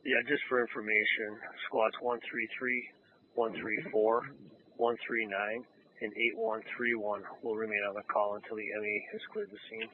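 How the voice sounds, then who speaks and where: Police officer over crackly radio. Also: male voice, on the low side, animated, normal speed. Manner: terse, clipped call codes. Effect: police radio transmission. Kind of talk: radio dispatch traffic. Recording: narrow, noisy police radio.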